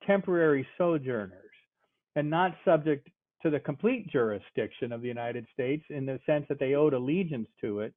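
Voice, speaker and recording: An older man giving a measured, explanatory talk on constitutional law over a call, pausing often with fillers. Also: fairly high pitch, no echo. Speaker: speaker, constitutional law scholar. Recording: tinny phone-like call audio.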